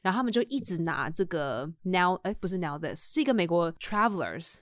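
A young woman who grew up in the United States, chatting casually on a podcast as a lively storyteller who laughs a lot. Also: on the low side, brisk, no room sound, studio quality. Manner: lively storyteller who keeps laughing and acting out the people she quotes. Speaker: podcast co-host. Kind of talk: casual chat.

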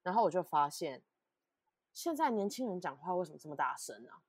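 A woman co-hosting a relaxed podcast, telling a story with lots of emphatic repeats and animated asides. Her voice sits on the low side for a woman. The sound is dry and close to the mic. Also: fairly quick, slightly rough, dry recording. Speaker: podcast co-host. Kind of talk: casual chat.

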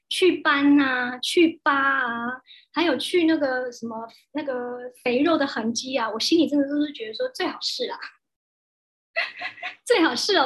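A woman with a Taiwanese Mandarin accent, teaching a course in a casual way and telling animated stories with frequent laughter. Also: high voice. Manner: animated, laughs often, acts out quotes. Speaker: course instructor. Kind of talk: casual teaching talk with storytelling.

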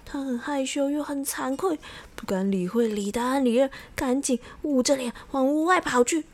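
A woman narrating a children's story in a lively, expressive way, speaking to young listeners. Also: high-pitched, normal speed.

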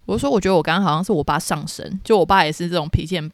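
A young woman, co-hosting a podcast and telling a story in a dramatic, animated way. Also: lowish voice, rapid-fire, no room sound, clean studio sound. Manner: animated, dramatic retelling with shouted quotes. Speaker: podcast co-host. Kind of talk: casual storytelling chat.

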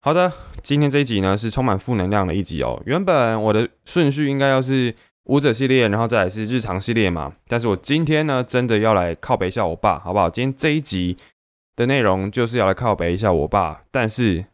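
Young taiwanese guy venting to his camera, lowish smooth voice, dry close sound. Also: quick pace, no echo. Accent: Taiwanese Mandarin. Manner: animated, ranting, many fillers. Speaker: vlogger. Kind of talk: casual venting monologue.

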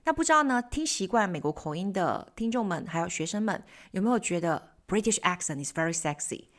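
Lively woman teaching English news vocabulary. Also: fairly low pitch, a little fast. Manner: lively explaining, mixing English terms into Chinese. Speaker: language teacher and host. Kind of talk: bilingual English news lesson.

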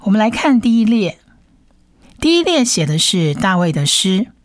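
A woman's voice: medium pitch, big pitch swings, moderate pace, no room sound, clean studio sound. A woman teaching a Bible Hebrew reading lesson, patiently spelling out letters and repeating each sound several times. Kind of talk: slow step-by-step reading lesson.

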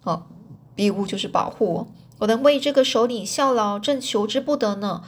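A woman voicing a bold young male newcomer in a storybook reading, calm and polite. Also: a little high, moderate pace, husky.

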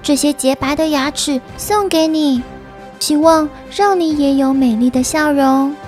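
Woman as a tiny high-voiced fairy girl. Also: measured pace, a little mellow, faint music behind. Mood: apologetic. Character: earnest, polite little fairy girl with a tiny sweet voice. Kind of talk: children's audio storybook acting.

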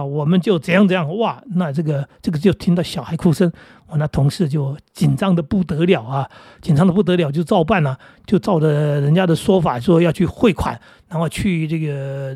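Husky Taiwanese man telling stories. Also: a little high, moderate pace, mellow, dry recording, clean studio sound. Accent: Taiwanese Mandarin. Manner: rambling anecdotal storytelling with many fillers. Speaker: podcast host. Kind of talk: casual chat.

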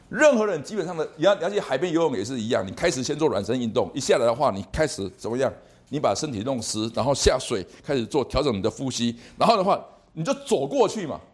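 A man lecturing to a university class in a lively, animated way, often repeating words and asking the class questions. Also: on the high side. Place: lecture hall.

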